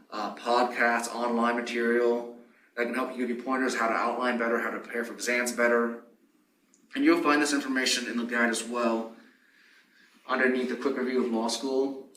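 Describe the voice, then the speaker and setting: With a sharp tone in his mid-range voice, a young man serving as a library fellow gives a relaxed instructional presentation through a muffling face mask. The mic sits far off in a roomy space, and faint noise can be heard.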